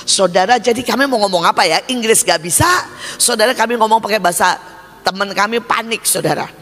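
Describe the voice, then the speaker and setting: A man's voice: high voice, fairly quick, fairly bright tone. A male preacher giving an emphatic sermon testimony, telling his story and constantly addressing the congregation. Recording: reverberant hall with music behind.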